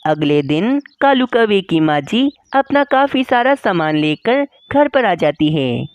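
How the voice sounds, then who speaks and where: A woman tells a cartoon story in scripted narration, her pitch swinging lively up and down. The sound is dry and close to the mic. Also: a little slow, dry recording, lo-fi sound. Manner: lively storytelling, addresses viewers.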